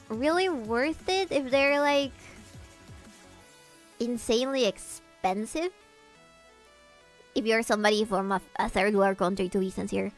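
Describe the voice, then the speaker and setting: A woman streamer chatting casually with her viewers in an animated, giggly way, her voice swooping upward when excited. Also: medium pitch. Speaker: VTuber streamer. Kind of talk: casual livestream chat, answering viewers.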